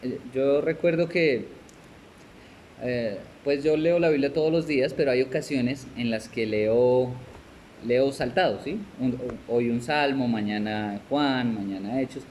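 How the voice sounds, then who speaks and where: A man's voice: mid-range voice, measured pace, darkish tone, slight background noise. A man with a Colombian Spanish accent, teaching a discipleship class in a conversational way, often checking in with "right?" and laughing now and then. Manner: conversational, asks "¿cierto?" and "¿sí?" often, laughs, acts out little scenes.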